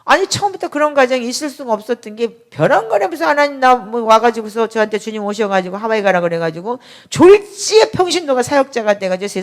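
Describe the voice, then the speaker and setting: Animated middle-aged woman pastor preaching. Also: fairly high pitch. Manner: emphatic, conversational preaching with sudden loud outbursts. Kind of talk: sermon.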